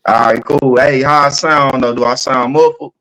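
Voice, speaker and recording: A man's voice: medium pitch, steady tone, normal speed, fairly bright tone. A man calling in to a casual sports chat over a choppy, muffled phone connection, talking in laid-back slang. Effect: choppy, muffled call connection. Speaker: guest calling in. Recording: distant, muffled phone call.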